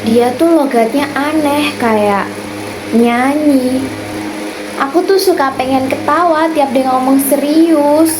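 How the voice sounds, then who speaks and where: A woman's voice: high-pitched, slow, roomy sound, background noise. A young woman playing a chatty, teasing classmate in a school skit, talking casually. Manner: casual gossiping schoolmate talk.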